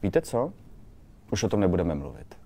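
A man's voice: low voice, darkish tone, lightly acted. A man as a touchy, proud young man. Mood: decisive. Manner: touchy and defensive.

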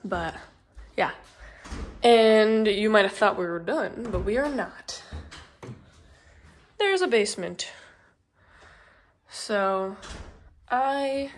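A woman's voice: medium pitch, lively intonation, extremely slow, long pauses, a little hiss or hum. A young woman chatting casually as she walks through an empty house, filming a tour vlog with frequent ums and likes. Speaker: vlogger.

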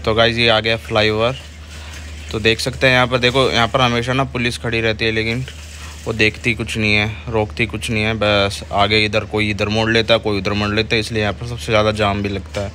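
A young man narrates a motovlog from his bike. He chats easily and points things out to his viewers. His voice sits a little low, and traffic and engine noise run underneath it, picked up by a camera mic outdoors. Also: flat delivery, fairly quick, bright, forceful tone. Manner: chatty, points things out to viewers while riding. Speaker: vlogger. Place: on a motorbike on city roads outdoors. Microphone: helmet or chest camera mic while riding.

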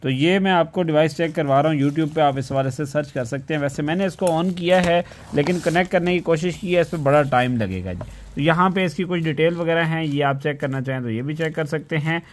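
A man's voice: fairly high pitch, a little fast, hardly any pauses. A man giving an informal, improvised sales patter as he demonstrates a product on a phone recording. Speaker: seller showing a secondhand device. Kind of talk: casual unboxing sales demonstration. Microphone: phone held over the product. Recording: clear background noise, handling clicks.

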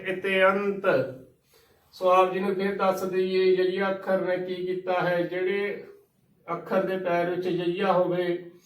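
Man, high even voice, steady spell-it-out lesson, set back from the mic in an echoey room. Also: recorded from a distance. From Punjab. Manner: patient, spells letter by letter, repeats each word slowly. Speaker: gurbani pronunciation teacher. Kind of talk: slow spelled-out recitation lesson.

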